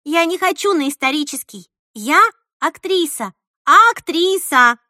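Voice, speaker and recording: A woman's voice: high voice, expressive, normal speed, fairly bright tone, no echo, clean studio sound, pitched above the performer's own voice. A woman voicing an impatient young actress, pleading and insistent. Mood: eager.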